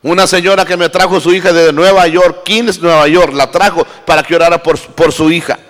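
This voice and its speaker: Man preaching, kinda high voice, goes loud then quiet, big church echo. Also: steady tone, a little fast. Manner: preaching with wide swings between loud and hushed. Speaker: pastor. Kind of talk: sermon. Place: church hall. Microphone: handheld microphone. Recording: live church recording with long reverb.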